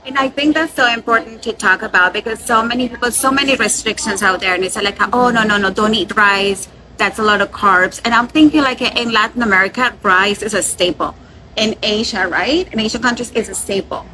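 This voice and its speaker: A woman's voice: on the high side, brisk, sharp tone, rough recording. A woman dietitian hosting a casual chat in a restaurant, enthusiastic and upbeat. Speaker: dietitian and host.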